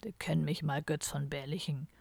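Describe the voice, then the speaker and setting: A gruff, grumpy drinker mutters short, blunt lines in a low, quiet voice, as a woman reader puts him on. The audiobook sound is dry and close, with no room around it. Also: steady tone, fairly quick, no room sound. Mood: grumbling. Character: gruff grumpy young man, heavy drinker. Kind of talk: audiobook character voice.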